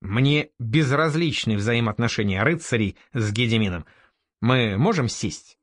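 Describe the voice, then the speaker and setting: A man's voice: mid-range voice, expressive, a little slow, no echo, clean studio sound. A man reading a blunt, defiant raider chief. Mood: brusque. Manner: curt and sharp-tongued. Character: bold, blunt young male raider-merchant leader.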